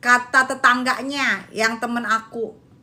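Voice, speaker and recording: Gossip vlogger, woman, bright high voice, laughs a lot. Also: steady tone, unhurried. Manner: laughs often, lots of exclamations; uses Jakarta slang. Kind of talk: casual gossip chat reacting to viewers.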